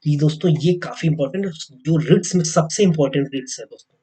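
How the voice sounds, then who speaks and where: Indian man, exam tutor, mellow tone, a bit high-pitched, repeats points, friendly address. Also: breathy edge, low-quality recording. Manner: mixes Hindi with English legal text read slowly. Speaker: teacher. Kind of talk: exam coaching lecture.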